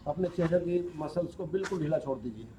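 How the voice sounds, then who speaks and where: Calm man guiding yoga nidra. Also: on the high side, background noise. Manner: calm, slow instructions mixing Hindi with English words. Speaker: yoga teacher. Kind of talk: guided yoga nidra relaxation.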